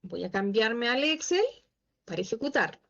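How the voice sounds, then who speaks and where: Female instructor, high voice, patient step-by-step teaching, slightly muffled call audio. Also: expressive, normal speed, fairly bright tone. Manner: patient, asks the class checking questions. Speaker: Excel instructor. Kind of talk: online class teaching. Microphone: video call.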